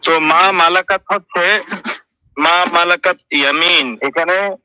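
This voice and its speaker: Insistent man debating, bright dry voice. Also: high voice, takes it slowly, smooth, no echo, rough recording. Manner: insistent, argumentative, asks pointed questions. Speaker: guest debater on a live online call. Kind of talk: heated religious debate.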